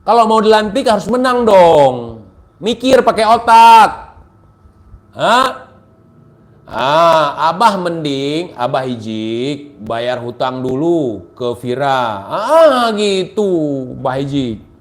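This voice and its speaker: A man giving a mocking, taunting political rant, sarcastic and repetitive, at times rising to shouts. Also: on the high side, big pitch swings, takes it slowly. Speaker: political commentator.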